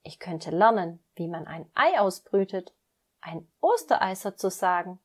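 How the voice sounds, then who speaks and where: A woman's voice: on the low side, unhurried. A woman voicing an eager, stubborn little boy duckling in a children's story, speaking earnestly. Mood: determined. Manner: earnest and excited.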